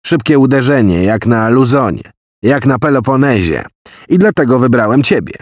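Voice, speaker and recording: A man's voice: mid-range voice, lively intonation, moderate pace, no echo, studio quality, pitched above the performer's own voice, lightly acted. A man voicing an agitated American general who heads an intelligence office, given to long declamatory tirades. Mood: commanding. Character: blustering American general, spy chief.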